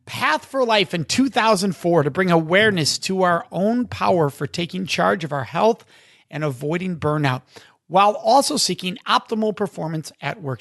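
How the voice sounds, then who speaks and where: A man's voice: high-pitched, creaky, fairly bright tone, no room sound, clean studio sound. A man hosting a podcast, reading a scripted introduction, then chatting with his guest. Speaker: podcast host.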